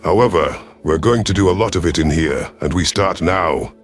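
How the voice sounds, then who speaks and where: With music playing behind him, a man in an audio drama voices a stern, shrewd alien predator rebel leader, a military chief narrating his own story and speaking in dialogue. His deep voice, close to an everyday one, sounds formal, measured, authoritative and commanding.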